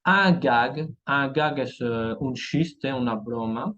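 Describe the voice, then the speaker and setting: A man's voice: mid-range voice, takes it slowly, a bit bright, highs cut off, slight background noise. A man teaching a language lesson, patiently repeating each French word and checking in with listeners after each example. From French-speaking Europe.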